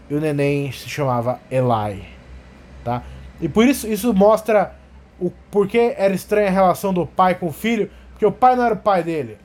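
A man tells a story in a loose, comedic way, swearing freely and jumping into the characters' lines. His voice sits high for a man. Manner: animated, profane, acts out scenes. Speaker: podcast talker.

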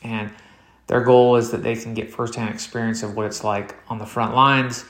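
A nasal-sounding man hosts a casual solo podcast, relaxed and rambling with many fillers. He's recovering from nasal surgery, so he talks a little funny. His mid-range voice moves at normal speed in an echoey room.

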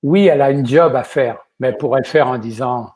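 A man's voice: mid-range voice, a little fast, a little mellow, husky. An older man with a Quebec French accent, a chef speaking as an interview guest in a rambling way, often adding "ok?". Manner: rambling, tags sentences with "ok?". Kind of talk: casual interview talk.

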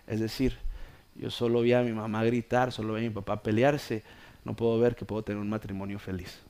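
A man from Mexico, a pastor, preaching a sermon that swings from quiet, close talk to loud, fervent preaching. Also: lowish voice, flat delivery, a little fast. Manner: acts out scenes with playful voices.

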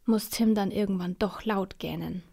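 A woman reading a bedtime story aloud in a soft, hushed voice. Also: medium pitch, moderate pace, creaky. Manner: soft, hushed, half-whispered.

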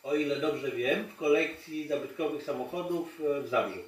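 A man's voice: on the high side, moderate pace. A man co-hosting a casual podcast chat, sharing trivia in an offhand way. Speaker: podcast co-host. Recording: very echoey room, far from mic.

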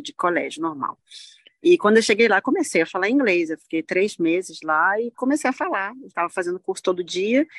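A young adult woman from Rio de Janeiro with a Carioca accent, a lively guest telling stories on a video call from a park and laughing often. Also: mid-range voice, no room sound, clean studio sound. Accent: Carioca Brazilian Portuguese. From Rio de Janeiro, Brazil. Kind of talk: casual chat, anecdotes. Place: outdoors in a park.

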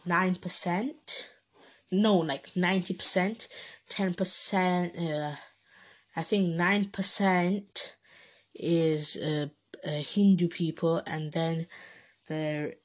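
An eighteen-year-old woman from Bangladesh, hosting her own casual podcast. She rambles, hesitates and restarts her sentences often. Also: fairly low pitch. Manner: chatty, informal. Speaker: podcast host. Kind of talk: casual solo podcast monologue.

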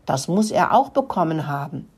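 Little boy mouse, earnest and sure of himself, slightly husky; a woman reads him. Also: low-pitched, sing-song, normal speed, heavily acted.

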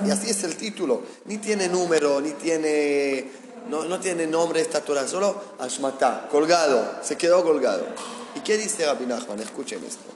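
A man with a Rioplatense Spanish accent, a rabbi giving a Torah lesson who tells the story with lively acted-out dialogue. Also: a little high, echoey room, long reverb tail. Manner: animated storyteller acting out dialogue.

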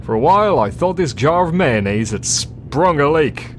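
A man's voice: on the high side, lively intonation, moderate pace, a little hiss or hum, close to an everyday voice. A man playing a pompous, dim, cheerful space adventurer in a comic sci-fi audio drama, declaiming grandly and obliviously. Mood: oblivious, breezy.

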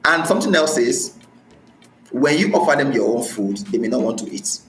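This clip features a Nigerian man, accented accordingly, telling stories from his own life as a guest on a podcast, with phrases often repeated for emphasis. His medium-pitched voice is animated and fairly bright, moving a little fast. Faint music and a roomy echo fill the recording.

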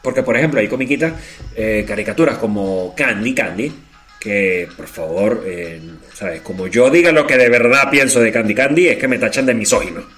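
A man's voice: fairly low pitch, animated, moderate pace, a bit bright, soft background music. A middle-aged man with a Venezuelan accent, co-hosting a podcast in casual, playful banter. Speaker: podcast co-host. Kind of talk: casual chat.

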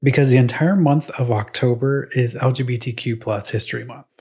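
A man's voice: mid-range voice, a little fast, a little mellow, slightly rough. A young man co-hosting a casual podcast, bantering and running a playful trivia quiz. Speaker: podcast co-host. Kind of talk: casual chat.

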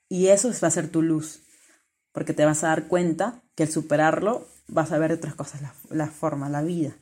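A woman hosting a self-help podcast, talking straight to the listener in an earnest, encouraging way. She says her voice is naturally loud. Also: sits low. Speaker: podcast host.

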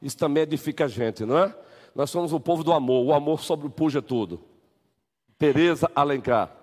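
A Brazilian-accented man teaches a Bible lesson to his congregation in an easygoing, humorous way. His voice sits high. Long reverb from the church hall trails his words. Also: a little fast. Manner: animated, joking, acts out scenes. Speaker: pastor teaching Sunday school. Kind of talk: informal Bible lesson with acted examples.

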